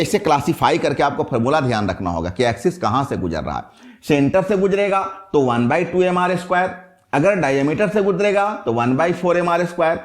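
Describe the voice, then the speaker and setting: Lively male physics teacher. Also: on the high side. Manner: lively, questions the class and answers himself. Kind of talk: classroom lecture.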